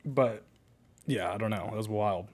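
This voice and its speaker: A man's voice: lowish voice, normal speed, a little mellow. A man co-hosting a podcast, casually telling a rambling story full of filler words. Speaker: podcast co-host.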